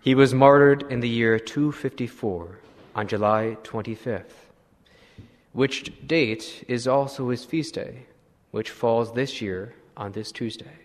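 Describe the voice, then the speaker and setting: A man, a priest, telling a saint's story in a slow, measured sermon. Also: medium pitch. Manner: slow, measured retelling with clearing of throat. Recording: long hall reverb.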